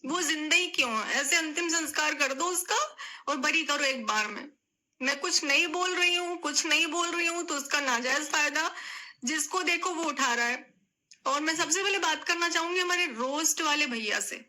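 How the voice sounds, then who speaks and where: A young woman makes a tearful, pleading statement to camera in her vlog. Her voice sits high and very bright, and she repeats phrases over and over as it breaks. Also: normal speed. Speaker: vlogger.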